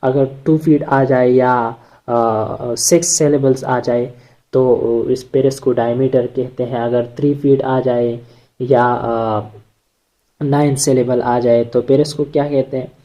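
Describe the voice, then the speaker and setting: Slow, mellow-voiced teacher, hesitant delivery. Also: mid-range voice, steady tone. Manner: hesitant, with frequent filler sounds and restarts; asks rhetorical questions, then answers them. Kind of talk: explanatory lecture on poetic metre.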